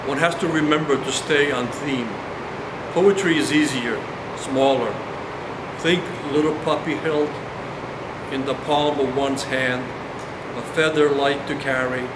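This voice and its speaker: A man from Brazil reading his own poetry aloud in a slow, measured recital. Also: mid-range voice, steady tone. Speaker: poet. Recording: echoey hall with air-conditioning hum.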